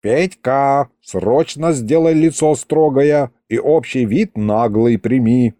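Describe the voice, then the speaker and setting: A man's voice: medium pitch, slow pace, dark tone, no room sound, studio quality, close to an everyday voice. A man voicing a teasing, rambling old village grandfather who talks in rustic, old-fashioned speech. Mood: fussy, rambling.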